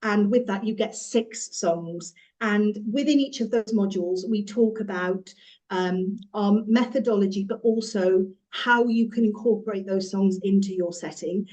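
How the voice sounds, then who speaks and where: A woman's voice: mid-range voice, measured pace, a little mellow. A woman guest on an early years podcast, explaining in a fluent, teacherly way. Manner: fluent, explanatory, slips into a sing-song voice for examples. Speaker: guest from a children's music and movement company. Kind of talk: podcast interview.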